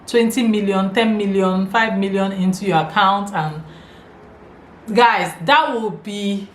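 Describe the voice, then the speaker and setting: A woman's voice: mid-range voice, fairly bright tone. Nigerian-accented woman in an echoey room. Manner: emphatic, repeats key phrases. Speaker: video channel host. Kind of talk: informal explainer to camera. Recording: echoey room, faint background noise.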